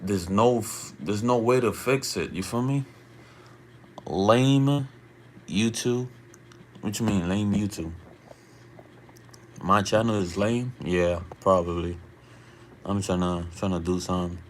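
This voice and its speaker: A US-born man of Dominican family chats casually on a late-night live stream, reading his chat aloud in a slangy, laid-back way and repeatedly asking "you feel me?". His voice is lowish and slow with long pauses, and there's a little hiss or hum.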